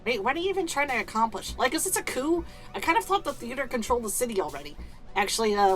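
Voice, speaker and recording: Animated woman reading game dialogue, music behind. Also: a little high, poor audio. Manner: theatrical, switches between character voices. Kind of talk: dramatised read-aloud of a video game's dialogue, voicing the characters.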